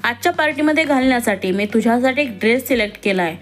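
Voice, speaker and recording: A woman's voice: a little high, expressive, fast talker, natural voice. Woman reading as a jovial businessman dad. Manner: jovial, firm. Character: cheerful wealthy businessman father. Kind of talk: storybook reading.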